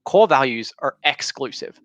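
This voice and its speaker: A business trainer gives a casual, animated explanation at normal speed, using imagined quotes to illustrate. His mid-range voice is a bit bright, but the audio is dull with no echo, and an alarm is going off.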